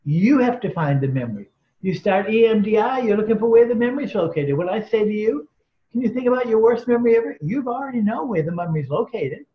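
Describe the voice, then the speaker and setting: Speaking fast in a high, expressive voice, a man appears as an interview guest and tells earnest, emphatic stories, acting out and quoting the people in them. The recording has a roomy, dull lo-fi sound.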